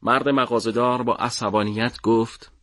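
A man narrating a story for an audiobook in a measured, dramatic way. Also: mid-range voice, steady tone, a bit bright, dry recording, clean studio sound.

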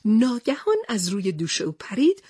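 A woman narrating a children's storybook in an expressive read-aloud manner. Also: medium pitch, slightly rough, no echo, studio quality.

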